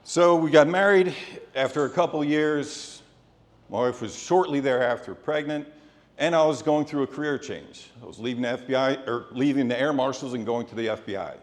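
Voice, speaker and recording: A middle-aged man delivering a prepared, sports-themed motivational speech in an earnest, deliberate way, in short phrases with pauses. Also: medium pitch. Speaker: motivational speaker. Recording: echoey hall with long reverb.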